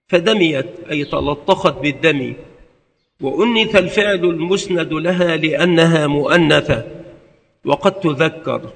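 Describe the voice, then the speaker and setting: A man gives a scholarly lesson and methodically lists word forms one after another. His voice sits a little higher than usual for a man. A long, lingering reverb trails each phrase. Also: fairly bright tone. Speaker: religious teacher. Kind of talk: scholarly lesson on hadith and grammar.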